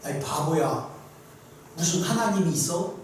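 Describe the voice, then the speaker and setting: Pastor playing a sneering, taunting devil. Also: male voice, on the high side, animated, a little slow, slight background noise, voice pushed down. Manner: mocking, scornful taunts. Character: sneering male devil whispering doubts, taunting. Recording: echoey sanctuary, mic far off.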